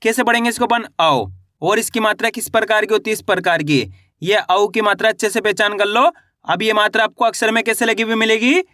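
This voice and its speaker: A man's voice: sits high, a little fast, bright, forceful tone, no room sound, clean studio sound. A man teaching a step-by-step reading lesson, asking questions and answering them himself while drawing out each sound.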